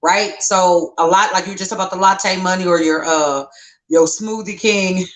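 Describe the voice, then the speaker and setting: A woman in her fifties, co-hosting a podcast in casual, folksy, self-deprecating chat with drawn-out phrasing. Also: on the low side, fairly even intonation. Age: 50s. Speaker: podcast co-host. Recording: roomy echo.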